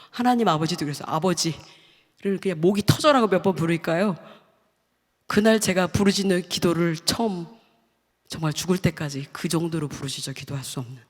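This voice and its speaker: A middle-aged woman giving a heartfelt testimony at a church, speaking earnestly in short listed phrases that sometimes fall to a hush. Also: fairly low pitch, long reverb tail. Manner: earnest, stacks short listed phrases, drops to hushed tones. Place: church hall.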